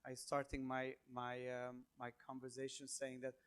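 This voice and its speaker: A man with a Hungarian accent answering panel questions in English as a non-native speaker, hesitant, with many fillers and halting phrasing. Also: medium pitch, completely flat delivery, clear, resonant tone. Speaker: panel guest, government minister.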